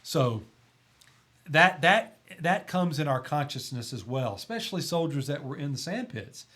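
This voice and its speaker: Man, middle-aged, fairly high voice, earnest podcast guest who pushes his points and restarts often. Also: very animated, moderate pace, fairly bright tone. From Tennessee. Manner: earnest, emphatic, stumbles and restarts. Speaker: podcast guest, volunteer chaplain. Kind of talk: conversational podcast talk.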